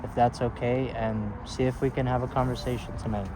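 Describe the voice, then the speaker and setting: A man's voice: mid-range voice, level tone, fairly quick. Polite male ghost hunter outdoors, noisy background. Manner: polite, coaxing, addresses the unseen directly. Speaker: paranormal investigator hosting a video. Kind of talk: casual narration and gentle questions to spirits. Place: outdoors at a roadside parking lot grave site. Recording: clear outdoor traffic and ambient noise.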